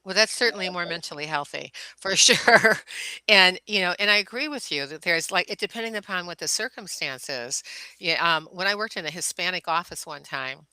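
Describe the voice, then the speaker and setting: A woman guest, an intuitive healer and doctor, telling lively stories in a casual interview, laughing often and acting out what people said. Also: on the low side, a little fast, smooth, no echo, low-quality recording. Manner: animated, laughs often, acts out quoted people.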